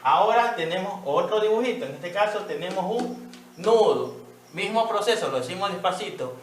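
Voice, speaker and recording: Man, Ecuadorian Spanish accent, patient primary teacher, sounds out words slowly, roomy echo. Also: sits high, expressive, distant mic, slight background noise. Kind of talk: online reading lesson for young children. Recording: echoey room, voice a little off-mic.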